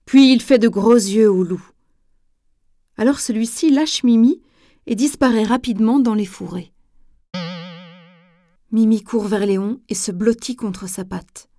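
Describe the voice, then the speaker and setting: A woman reading a children's story aloud in a gentle, expressive way. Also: on the high side, a little slow, pauses often, no echo, clean studio sound.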